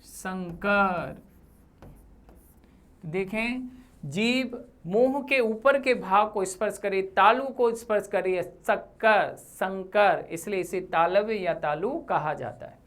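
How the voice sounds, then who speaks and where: A woman teaching Hindi grammar for exam preparation over slides, saying each sound slowly with example words. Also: medium pitch. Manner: slow, deliberate, spells out sounds with example words. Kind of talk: exam-prep lesson.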